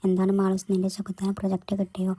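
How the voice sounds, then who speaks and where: Woman reading as a gentle, caring young man. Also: medium pitch, monotone, quick pace, breathy edge, natural voice.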